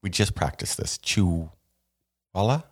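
A man's voice: low voice, expressive, normal speed. A man hosting a casual podcast, chatting in a joking, self-deprecating, rambling way. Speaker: podcast host. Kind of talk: casual chat.

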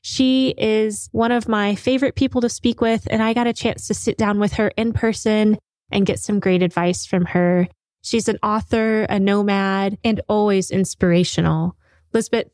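A woman's voice: medium pitch, steady tone, moderate pace, darkish tone, no room sound. Dry-sounding woman podcast host. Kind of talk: podcast intro and interview.

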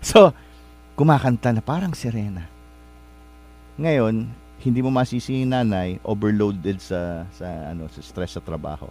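A man hosting a show, telling a motivational story in a polite, rambling way, often pausing to search for words and correct himself. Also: fairly low pitch, darkish tone. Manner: polite, addresses listeners with respectful particles. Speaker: host.

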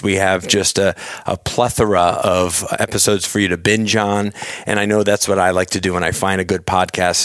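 A man's voice: on the low side, a bit bright, no room sound, clean studio sound. A man hosting a podcast, talking to listeners in a conversational, encouraging, rambling way. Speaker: podcast host.

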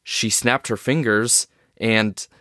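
A man's voice: lowish voice, steady tone, slow pace, bright, forceful tone, no echo, clean studio sound. A man playing an agitated, skeptical scientist in an audio drama, speaking in formal, theatrical and emphatic phrases. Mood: grave, dramatic recounting. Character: agitated male scientist, skeptical, rattled and wordy.

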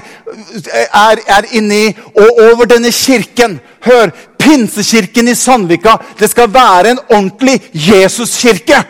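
A man preaching a fervent sermon as a pastor in a church, building from quiet reflection to loud calls. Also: high-pitched. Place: church hall. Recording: long reverb of a church hall.

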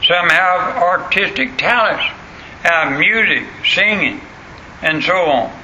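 A man's voice: high voice, lively intonation, slow pace, pushed and bright. An older man with a rural Southern US accent and an old country voice, preaching a sermon in a plain-spoken, folksy way and repeating phrases for emphasis. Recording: echoey room, faint background noise.

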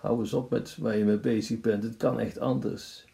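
A man preaching a sermon. He tells a story in a measured way and addresses his listeners formally. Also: fairly low pitch, steady tone, gravelly, dark tone.

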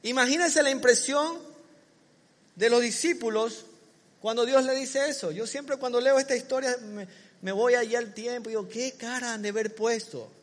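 A man preaching a sermon in a church, animated and acting out little dialogues between people and Jesus. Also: very high-pitched, moderate pace, big-room sound.

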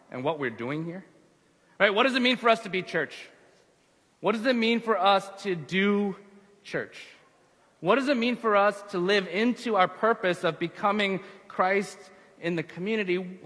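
A man's voice: high voice, fairly bright tone. A man preaching a sermon as pastor in a church, earnest and repetitive, with fillers and rhetorical questions. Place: church sanctuary. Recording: long church reverb.

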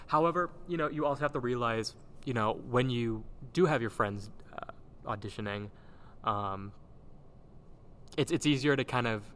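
A man hosting a casual chat in a halting, circling way, recorded in a large old gym with big-hall echo. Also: on the low side, pushed and bright. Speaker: podcast host and theater director. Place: large old gymnasium used as a theater, indoors. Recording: roomy big-hall echo, background noise.

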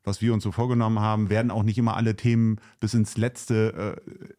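A man co-hosting a podcast, talking casually in a halting way, full of fillers and tag questions. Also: fairly low pitch, little pitch movement, dark tone. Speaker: podcast co-host. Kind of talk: casual chat.

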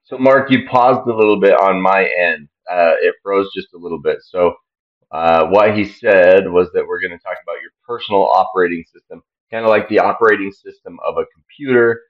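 Deep man on dull call audio. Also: brisk. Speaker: podcast co-host. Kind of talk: casual podcast chat.

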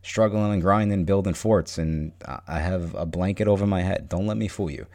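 A man's voice: sits low, brisk, a little mellow. A male podcast host talking casually and energetically, full of slang and swearing, muffled because he is recording under a blanket over his head. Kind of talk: casual motivational podcast talk. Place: empty, unfurnished new house, inside a blanket fort.

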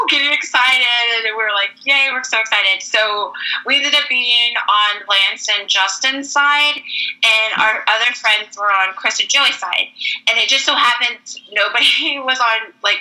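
Bright-voiced woman telling a story. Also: moderate pace, rough recording. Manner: animated, heavy use of "like" fillers; acts out quoted voices in a much higher pitch. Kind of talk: casual anecdote.

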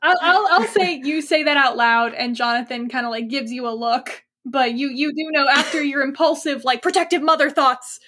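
A woman narrates a tabletop game as its game master. She is chatty, gropes for words and laughs easily, all in a high voice. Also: normal speed, few pauses, sharp tone.

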